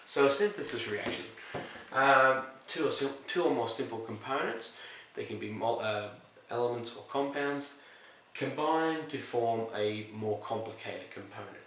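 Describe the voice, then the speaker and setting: A male chemistry teacher explaining reaction types in a relaxed way, pausing with fillers and correcting himself. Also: mid-range voice, far from the mic, a little hiss or hum. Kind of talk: recorded lesson explaining reactions. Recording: echoey room, voice off-mic.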